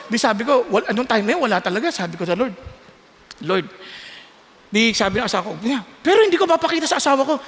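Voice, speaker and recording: A middle-aged man preaching a sermon with a Filipino accent, telling stories with animated delivery and frequent laughter. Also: very high voice. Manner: animated storytelling, laughs often, mixes Tagalog and English. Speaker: pastor. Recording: long hall reverb.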